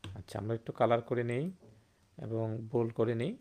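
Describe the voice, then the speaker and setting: A man's voice: mid-range voice, steady tone, normal speed, warm tone. Man, grammar teacher, online class, rhetorical check-ins, repeats key terms. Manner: rhetorical questions with "hum?" and "thik na?"; repeats and stresses key words. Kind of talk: online Bengali grammar lesson.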